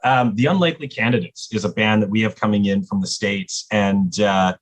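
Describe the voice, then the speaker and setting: A man who programs a music festival, chatting on a podcast and telling excited stories with animated quoted dialogue. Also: fairly low pitch, fairly quick, no echo. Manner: excited storyteller, lively acted-out quotes. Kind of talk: casual podcast conversation.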